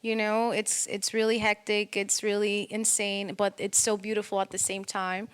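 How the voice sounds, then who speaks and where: A woman's voice: medium pitch, little pitch movement, normal speed, clean tone. A young woman from the Dominican Republic, a singer guest in a casual interview, bubbly and laughing often, with many fillers.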